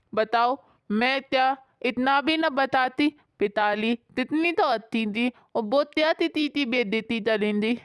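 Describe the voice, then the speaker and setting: A woman's voice: sits high, clean tone, dry recording, studio quality. A woman voicing a sweet, naive young wife who talks with a childlike lisp, turning her r and k sounds into l and t. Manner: babyish, earnest. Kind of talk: storybook voice acting.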